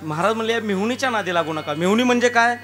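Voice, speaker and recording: A kirtan preacher from Beed district in rural Maharashtra gives a jokey devotional sermon, firing rhetorical questions at the crowd. His voice is high, a bit bright and rapid-fire, with live tabla and harmonium music clearly behind it.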